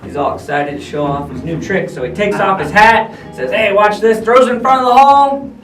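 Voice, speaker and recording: A man's voice: sits high, brisk, fairly bright tone. An American man working as a cave tour guide, telling stories and explaining in a folksy way, putting questions to his group. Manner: echoing cave guide delivery. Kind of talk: guided tour talk with storytelling. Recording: echoey, distant, with guitar music underneath.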